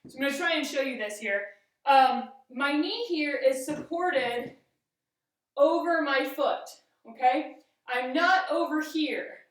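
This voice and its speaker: Explaining a fencing demonstration one step at a time, the instructor often pauses to ask a quick "okay?". This woman's voice sits high and she speaks slowly, picked up by a distant microphone in a very echoey room.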